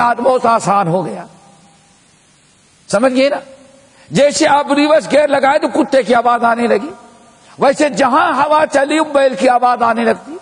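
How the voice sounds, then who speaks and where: A man's voice: high voice, slightly rough. A man giving a sermon of Quran commentary, telling a story and putting rhetorical questions to the listeners. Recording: long echo of a large hall.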